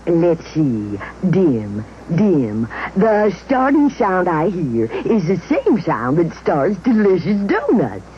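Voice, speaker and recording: Theatrical female dragon, fretful, melodic swoops, unhurried, children's show, muffled old TV sound. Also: lowish voice, wildly swooping pitch, full character voice. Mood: flustered. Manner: theatrical, dithering. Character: dramatic, nervous female dancing dragon contestant. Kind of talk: children's puppet show acting. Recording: dull, hissy old TV soundtrack.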